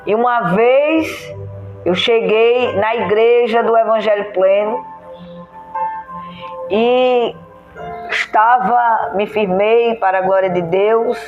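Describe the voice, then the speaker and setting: A woman's voice: a little high, darkish tone, muffled recording. Lady pastor telling her testimony, emotional, echoey church, faint music. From Brazil. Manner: earnest storytelling, acting out remembered dialogue. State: moved, voice heavy with emotion.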